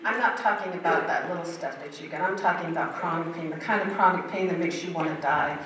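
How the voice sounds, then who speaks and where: A woman's voice: fairly low pitch, fast talker, recorded from a distance, a crowd in the background. An older woman giving a personal testimony in a church, telling her story in a vivid, emphatic way. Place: church sanctuary. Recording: very echoey hall, heard from afar.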